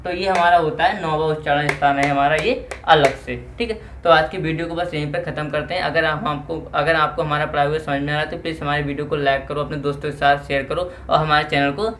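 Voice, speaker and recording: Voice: mid-range voice, fairly even intonation, quick pace, hardly any pauses, fairly bright tone. A teacher giving an exam-prep lesson, who asks a question and then answers it, repeating each key term. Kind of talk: Hindi lesson on Sanskrit phonetics. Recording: echoey room with faint noise.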